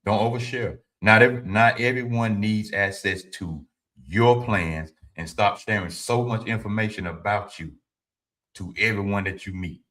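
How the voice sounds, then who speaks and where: Man in his fifties, low and forceful, livestream host with a preachy advice style. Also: moderate pace. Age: 50s. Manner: informal and preachy, repeats his points; speaks to viewers directly, answers chat. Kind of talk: motivational talk to a live audience.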